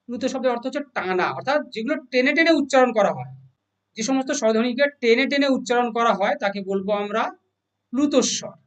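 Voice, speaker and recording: Teacher drilling definitions. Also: medium pitch. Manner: asks questions and answers them, repeats each definition slowly. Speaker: Bengali grammar teacher. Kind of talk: exam-prep grammar lesson. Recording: voice a little far from the mic.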